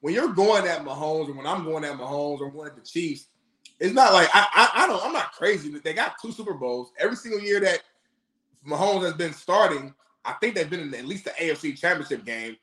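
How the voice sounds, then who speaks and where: A man's voice: a little high, expressive, brisk, sharp tone. A man co-hosting casual sports talk, making emphatic points with rhetorical questions in an echoing, roomy recording. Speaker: sports talk show co-host.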